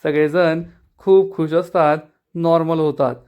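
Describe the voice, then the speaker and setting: A man with a Marathi accent narrates a recap of a TV serial episode in a storytelling way. His voice sits high for a man. He reads out the characters' lines as he goes. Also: steady tone, measured pace, a little mellow, clear, resonant tone. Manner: storytelling, reading out dialogue of the characters.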